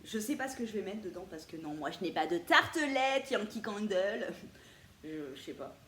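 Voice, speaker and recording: A woman's voice: mid-range voice, normal speed. A woman, chatting casually and playfully to viewers about her thrift finds. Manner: chatty, animated, laughs often, playful asides. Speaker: vintage thrift haul vlogger. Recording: echoey room with faint ambient noise.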